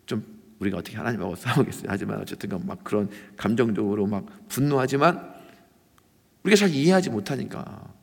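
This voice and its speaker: A man preaches in a church sanctuary, his gravelly voice rising and falling across a wide melodic range. He moves between fervent, loud passages and quiet, hushed remarks. Long reverb from the large hall trails after his words. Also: on the low side, lively intonation, a little fast. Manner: impassioned, swings between loud cries and hushed asides. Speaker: pastor. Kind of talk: sermon.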